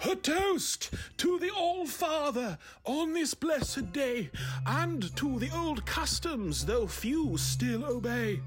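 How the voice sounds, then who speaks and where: A man's voice: very high-pitched, very animated, slow pace, pitched above the performer's own voice, heavily acted. A man voicing a regal, ancient male elf host who declaims grand, ominous threats over faint music. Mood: menacing.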